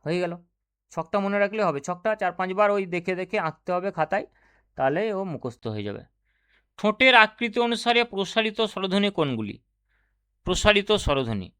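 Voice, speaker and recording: A man with a slightly higher voice and a smooth, clear tone teaches a Bengali grammar lesson. He explains step by step, asks questions aloud and then answers them himself, in the steady manner of an online exam-prep class.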